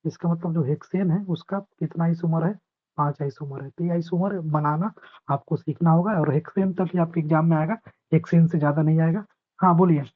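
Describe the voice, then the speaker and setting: A man teaching a chemistry revision class. He explains patiently, repeats key points, reads English definitions slowly and asks his students whether they understood. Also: fairly high pitch, fairly even intonation. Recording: dull lo-fi recording.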